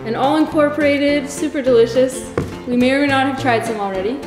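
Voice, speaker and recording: A young woman with a high, brisk voice leads a baking demonstration as a guest baker in a large home kitchen, walking through each step in an upbeat, instructive way. The kitchen sounds echoey, and music plays in the background.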